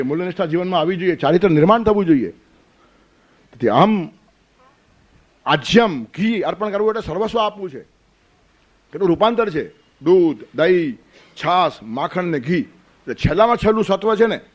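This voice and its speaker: A man teaching a spiritual discourse in a forceful, scolding way, full of rhetorical questions. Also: fairly high pitch. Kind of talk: Gita discourse.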